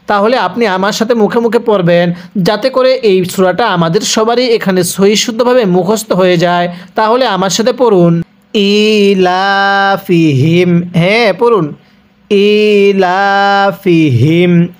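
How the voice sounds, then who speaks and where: A man teaching Quran recitation, explaining quickly and then drawing out each word slowly for students to repeat. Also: high voice. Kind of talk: spelling-out recitation lesson.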